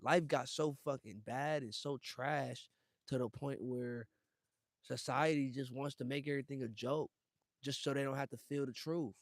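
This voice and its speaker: A man's voice: medium pitch, fairly even intonation, moderate pace, dry recording, clean studio sound. A young man from the United States speaking straight to his viewers in a casual livestream rant, slangy and emphatic, calling everyone fam and bro. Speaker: streamer talking to viewers.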